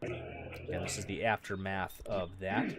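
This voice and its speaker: A man hosts a live breaking-news stream, reading viewer comments aloud and speaking off the cuff with frequent fillers. His voice sits low with a steady tone and measured pace, and the recording is very noisy.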